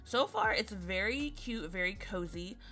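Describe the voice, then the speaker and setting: Chatty woman streamer with a bright voice; relaxed first-playthrough commentary, thinking aloud. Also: mid-range voice, measured pace. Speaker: game streamer. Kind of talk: casual let's-play commentary.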